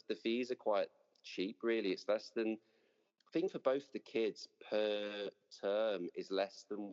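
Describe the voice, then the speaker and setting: A man talks casually and rambles, circling back and restarting his sentences. His voice sits very low. The call audio is muffled, with a long reverb trailing behind him. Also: a little mellow. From English Midlands. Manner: chatty, rambling with many restarts and fillers. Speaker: dentist guest. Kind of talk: casual interview.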